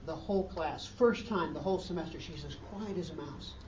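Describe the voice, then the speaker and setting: A man's voice: on the high side, fairly quick, a little mellow, a little hiss or hum. Earnest male preacher in an echoey hall. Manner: earnest, rising emphatic questions. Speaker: pastor. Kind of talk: sermon. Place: church hall. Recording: distant roomy dull church recording.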